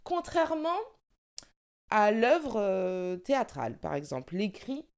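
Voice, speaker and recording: A woman's voice: mid-range voice, big pitch swings, measured pace, darkish tone. A woman talking informally and emphatically in a casual discussion, thinking aloud as she explains her views. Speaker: film director and screenwriter.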